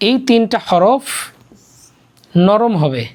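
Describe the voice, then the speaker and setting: Slow, patient Quran reading teacher. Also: mid-range voice. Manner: repeats letter-vowel drills in a steady chant, then explains briskly. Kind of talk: slow drilled recitation lesson.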